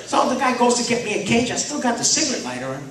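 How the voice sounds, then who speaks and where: Male stand-up from Puerto Rico, high voice, rambling delivery, heard from afar in an echoey club. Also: sing-song, very fast, crowd noise. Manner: rambling storyteller, hesitant restarts. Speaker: stand-up comedian. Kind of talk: live stand-up joke telling. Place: comedy club stage. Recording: echoey club from far, faint noise.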